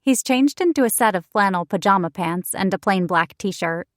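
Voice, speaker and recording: A woman reading a first-person romance audiobook in an expressive, wry storytelling manner, recorded close on a studio mic. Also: mid-range voice, normal speed, dry recording. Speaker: audiobook narrator.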